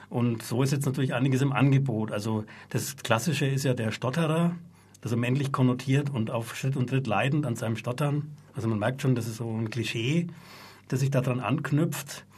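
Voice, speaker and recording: Husky-voiced male radio host. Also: mid-range voice, a little fast, a little mellow. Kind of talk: radio talk show hosting. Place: radio studio.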